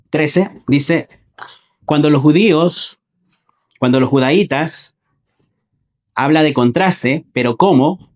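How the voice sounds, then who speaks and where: Preacher man asking rhetorical questions. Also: mid-range voice. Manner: repeats phrases, asks the congregation rhetorical questions; addresses listeners as brothers. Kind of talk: Sunday sermon.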